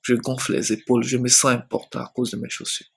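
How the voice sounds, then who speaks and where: A man telling his personal faith testimony slowly, repeating phrases and often dropping to a soft, near-whispered voice. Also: medium pitch, level tone, vocal fry, slightly rough. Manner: slow storytelling with many repetitions. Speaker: church member giving a testimony.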